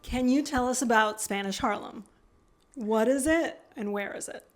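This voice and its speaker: Female interviewer, plain and direct, a touch high-pitched. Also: normal speed. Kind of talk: brief interview questions.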